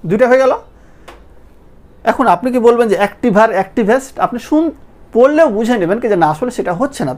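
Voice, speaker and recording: Lively woman teaching grammar at a board. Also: medium pitch. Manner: explains step by step, checks in with the listener often; draws words out syllable by syllable as examples. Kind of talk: spoken lesson at a board. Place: classroom-style video with a board.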